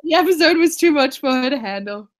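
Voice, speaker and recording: A woman's voice: high-pitched, expressive, quick pace, no echo. Brief: woman co-host, dry quips, close and dry sound. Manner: dry, joking asides. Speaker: podcast co-host. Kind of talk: casual rewatch chat.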